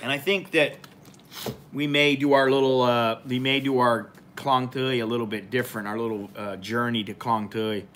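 A man in his forties hosts a loose, rambling live stream, chatting informally with his viewers and filling his pauses with "uh" and "um". His voice is bright and forceful. A faint hiss of room noise sits under him as he talks to a nearby camera in a small room. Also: medium pitch, fairly even intonation. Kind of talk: casual live stream chat. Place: small indoor room with a plain wall.

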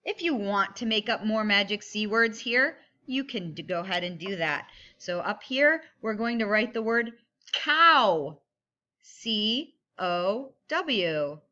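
Woman, kindergarten teacher manner, slow-paced, simple instructions, emphasised key words, crisp bright tone, dull screencast recording. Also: mid-range voice, animated. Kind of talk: instructional handwriting lesson for young children.

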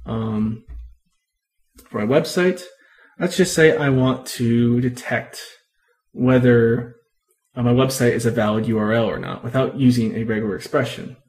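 A man's voice: medium pitch, a little slow, long pauses, darkish tone. A man casually explaining a computer topic in a screen-recorded tutorial, rambling and correcting himself as he talks, with lots of ums. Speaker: tech video host.

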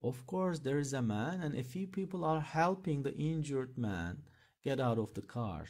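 Male English teacher, reads and translates examples; slightly husky voice with very animated intonation. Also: medium pitch, measured pace. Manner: reads example sentences aloud, then translates each. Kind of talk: bilingual language lesson.

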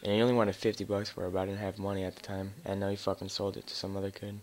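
A man's voice: deep voice, flat delivery, very fast, a little mellow. A man doing casual live gameplay commentary on a headset mic as a raging gamer, swearing and grumbling in exasperation. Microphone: gaming headset.

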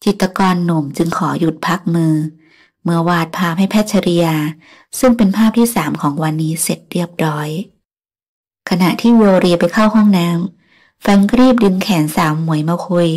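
A woman narrating a romance novel audiobook in a smooth, steady storytelling manner. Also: fairly low pitch, normal speed.

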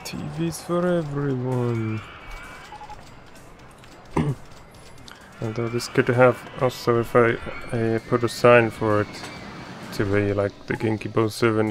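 A man narrates his building game at an unhurried, drawn-out pace. His voice has a gravelly, creaky edge, and he often mutters half to himself. Game music plays clearly beneath him. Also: mid-range voice, fairly even intonation. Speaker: let's play gamer. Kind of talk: casual gameplay commentary.

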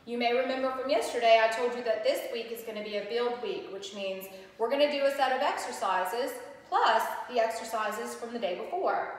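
A woman's voice: fairly high pitch, fairly quick, hardly any pauses, heavy reverb, in a large hall, poor audio. A woman PE teacher leading an exercise lesson, upbeat and counting reps aloud, a little out of breath. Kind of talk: exercise instruction video.

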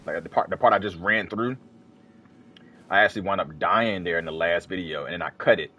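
A man's voice: low-pitched, fairly quick, dull audio. A man giving casual let's play commentary, rambling and correcting himself as he chats to the screen. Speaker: gamer playing through a video game.

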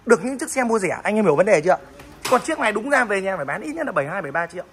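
A man from the north of the country, showing off a motorbike for sale in a casual vlog, with fast salesman patter and short repeated tags. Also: sits high, sing-song, a bit bright, slight background noise. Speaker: motorbike dealer vlogger.

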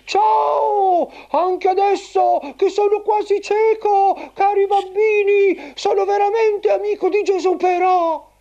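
A man voicing a kindly, bewildered old grandfather in a children's puppet show, squeaky and exclaiming. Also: steady tone, takes it slowly, creaky, few pauses, mellow, highs cut off, full character voice. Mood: friendly, puzzled. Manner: effusive, exclaiming. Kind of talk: puppet theatre storytelling for children.

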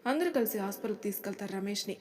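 A woman narrating an audio story in a steady, dramatic way. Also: medium pitch, very fast, long reverb tail.

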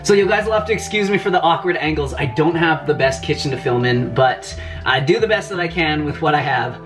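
A young cooking channel host chats warmly to the camera while he cooks, calling viewers "you guys" in an upbeat, casual way. His voice is fairly high and brisk. He seems to be in a small home kitchen, with music clearly audible beneath him.

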